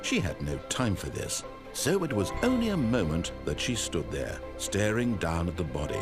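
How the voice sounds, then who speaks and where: Low-pitched, measured game storyteller. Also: male voice, huge pitch swings, music in the background. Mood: composed. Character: composed male omniscient narrator telling a wry story. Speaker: narrator of a video game. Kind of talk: scripted storybook narration.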